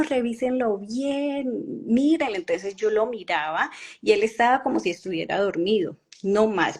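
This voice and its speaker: A woman with a Colombian accent gives an earnest personal testimony. Her speech is halting, broken by pauses and fillers, with deep emotion running through it. Her voice sits at a middle pitch.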